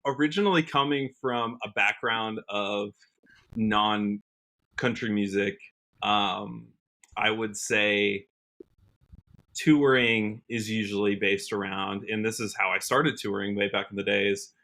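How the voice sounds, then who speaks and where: A country singer-songwriter from Washington state appears as a guest on a casual podcast, reflecting and thinking aloud as he talks. His lowish voice stays fairly even and unhurried, with a bright, forceful tone.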